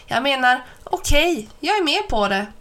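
A woman's voice: high voice, sing-song, a bit bright, pitched above the performer's own voice. Woman doing a sullen, angry schoolboy. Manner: curt, sullen. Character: angry, stubborn young schoolboy.

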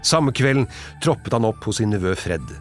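A man giving an expressive, dramatic storybook narration. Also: lowish voice, faint music behind.

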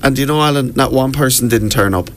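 A man's voice: mid-range voice, fast talker. A man with a Wexford Irish accent chatting as a tour guide in a radio interview, telling things in an enthusiastic, informal way. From Wexford, southeast Ireland. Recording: clearly noisy background.

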